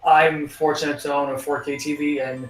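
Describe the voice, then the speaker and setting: A fairly high-voiced man chats casually as a gaming stream co-host. He is opinionated and emphatic, sounding echoey and a little distant from the mic. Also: flat delivery, normal speed. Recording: echoey room, off mic, faint music. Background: faint game music.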